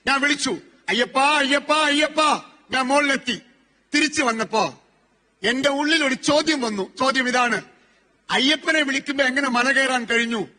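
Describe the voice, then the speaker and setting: Man, forties, motivational speaker, very high pitch, rhetorical questions. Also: bright, forceful tone. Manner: storytelling with rhetorical questions and repetition. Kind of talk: motivational speech.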